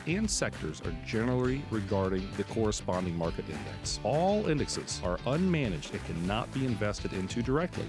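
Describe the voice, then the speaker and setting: A low-voiced American man delivers a formal legal disclaimer over prominent guitar music. His scripted recitation runs on without a break, with lively rises and falls in pitch. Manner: formal, unbroken recitation of fine print. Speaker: disclaimer announcer.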